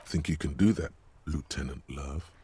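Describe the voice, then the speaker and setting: A deep, sardonic inner voice. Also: male voice, moderate pace, warm tone, slightly rough, full character voice. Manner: sardonic, needling. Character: smug male inner voice of a detective. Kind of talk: game voice acting and narration.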